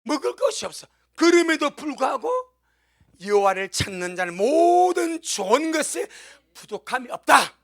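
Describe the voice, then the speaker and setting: A male pastor preaching with emphatic, exclaiming force, sometimes crying out to God. His voice sits very high and has a gravelly edge. He preaches in a church. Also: very animated, normal speed, fairly bright tone. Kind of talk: sermon.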